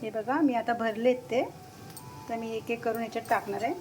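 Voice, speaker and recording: A woman's voice: on the high side, fairly even intonation, normal speed, darkish tone, faint music behind. A woman vlogger casually narrating her home cooking in a kitchen, chatting directly to her viewers. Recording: noisy kitchen with clattering utensils. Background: pots, cutlery and stirring clatter.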